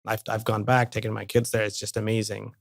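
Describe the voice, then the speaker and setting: A man's voice: lowish voice, little pitch movement, fast talker, gravelly, no echo. A man from India in his forties, a guest talking casually in an interview, often restarting and repeating words. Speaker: venture investor, podcast guest.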